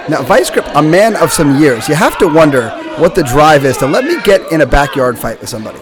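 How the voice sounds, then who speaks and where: A man's voice: fairly high pitch, big pitch swings, brisk, a crowd in the background. A middle-aged man giving casual, joking fight commentary in colloquial language with a co-host.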